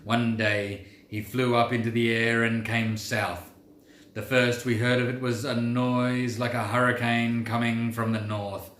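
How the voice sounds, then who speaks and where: A man voicing Thorin, a proud old dwarf king, in a deep voice with a slow storytelling cadence. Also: fairly bright tone. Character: proud old dwarf king recounting his people's loss. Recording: roomy with faint background noise.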